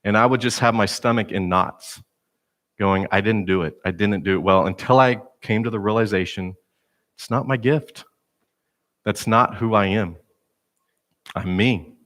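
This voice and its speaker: A male pastor delivers a relaxed sermon in a church sanctuary. His voice sits a little low, and he talks like he's chatting with friends, poking fun at himself as he goes. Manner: conversational, self-deprecating storytelling.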